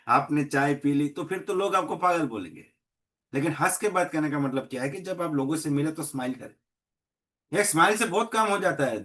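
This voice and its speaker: Animated man giving a motivational training talk. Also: on the high side. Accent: Gujarati. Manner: storytelling, acts out dialogues in many voices. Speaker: network marketing trainer. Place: meeting hall.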